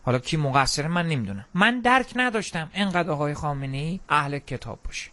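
A young man talks in a casual, opinionated monologue. He is emphatic and animated and keeps acting out quoted remarks from other people. His voice is notably high for a man. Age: young adult. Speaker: commentator who has attended radio meetings.

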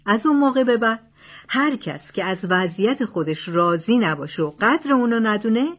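A woman narrating traditional tales that explain proverbs, in a clear, measured reading. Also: on the high side, expressive.

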